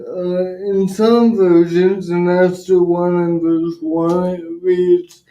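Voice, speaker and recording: Slow, halting man teaching Bible class. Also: high-pitched, mellow. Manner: halting, many fillers and restarts. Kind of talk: casual teen Bible lesson. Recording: roomy, dull lo-fi livestream audio.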